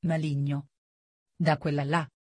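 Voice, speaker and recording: Low hateful devil guy all muted and seething, a lady reading puts him on, slow, dry sound. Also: little pitch movement, a little mellow, no room sound. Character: the devil, male, contemptuous and hateful. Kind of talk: audiobook reading.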